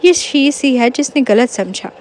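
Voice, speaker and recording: A woman's voice: high voice, lively intonation, darkish tone, a little hiss or hum. A woman reading as a jealous, menacing husband. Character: jealous protective husband, threatening.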